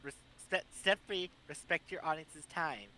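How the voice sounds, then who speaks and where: Bright-voiced stammering male co-host. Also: on the high side, unhurried. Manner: stammering restarts, reads out lists. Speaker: podcast co-host. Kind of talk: casual chat.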